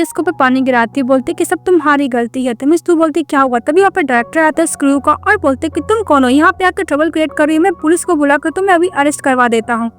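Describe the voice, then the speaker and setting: Female narrator retelling a drama plot, quick and high-pitched, loose conversational delivery.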